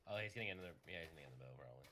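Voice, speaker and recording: A man in a game voice chat, giving rapid tactical callouts to his squad. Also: sits low, animated, pushed and bright. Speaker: teammate. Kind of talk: gaming voice chat. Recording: noisy game audio behind.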